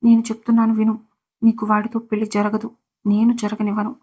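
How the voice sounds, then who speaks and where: A woman's voice: mid-range voice, monotone, brisk, mellow. A woman narrating a serialized romance story, reading every character's lines in much the same voice.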